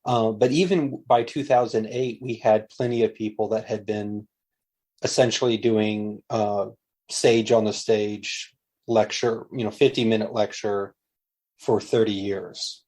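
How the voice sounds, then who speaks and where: A man's voice: fairly low pitch, fairly even intonation, measured pace, a little mellow. A middle-aged man, a linguistics professor, answering interview questions in a thoughtful, conversational way with frequent fillers and restarts.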